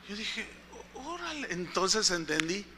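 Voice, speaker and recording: Animated Mexican preacher, high bright voice. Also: male voice, a little slow, slight background noise. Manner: animated storytelling, rhetorical questions to the congregation. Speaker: pastor. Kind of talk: live sermon.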